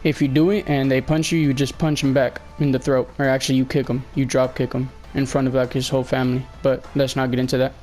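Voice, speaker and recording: Soft music plays beneath a young man's mid-range, darkish voice as he delivers a casual walkthrough voice-over, talking fast and flat with few pauses. His voice is fading because he's slightly sick, and he rambles with many hesitations and fillers.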